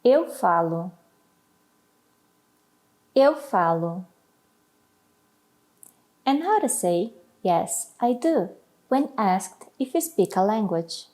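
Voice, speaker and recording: A woman with a Brazilian accent teaching a language lesson, repeating each word slowly and carefully for learners. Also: medium pitch, very animated, darkish tone, reverberant. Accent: Brazilian Portuguese. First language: Portuguese. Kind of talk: slow, clear language lesson.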